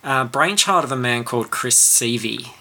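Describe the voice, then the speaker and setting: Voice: mid-range voice, lively intonation, normal speed, pushed and bright. A podcast co-host talking casually about a film, rambling with frequent ums and restarts. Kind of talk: casual film review chat.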